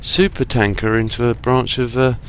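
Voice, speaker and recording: A man's voice: medium pitch, level tone, normal speed, a little hiss or hum. A man chatting casually through a trucking game, rambling and apologizing with self-deprecating asides. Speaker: gaming channel host. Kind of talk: casual let's-play commentary. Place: home gaming setup.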